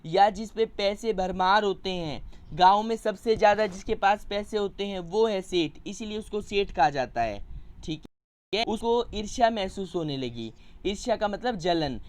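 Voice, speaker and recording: A man with a high, clear, resonant voice teaches a primary school Hindi class over a video call. He patiently explains words and gently encourages the children to read aloud in this online lesson.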